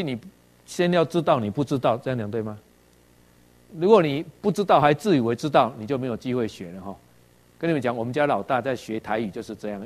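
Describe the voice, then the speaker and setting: Taiwanese-accented man preaching, questioning listeners. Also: mid-range voice. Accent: Taiwanese Mandarin. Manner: tags sentences with "ha" and asks the audience questions; acts out quoted dialogue in varied voices. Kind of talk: sermon.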